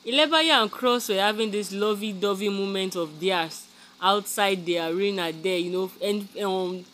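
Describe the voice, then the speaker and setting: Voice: medium pitch, moderate pace, fairly bright tone, slight background noise. A host giving a chatty, casual gossip recap of a reality show, talking straight to the viewers. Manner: chatty, calls viewers "guys", many fillers.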